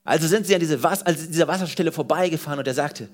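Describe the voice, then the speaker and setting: A pastor preaching a sermon in church, lively and emphatic. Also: male voice, fairly high pitch, rapid-fire. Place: church service.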